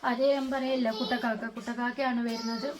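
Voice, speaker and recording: A woman's voice: on the high side, flat delivery, fast talker, heavy background noise. A young woman, chatting casually at home in a family vlog as she explains each step. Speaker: family vlogger, mother. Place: home, indoors.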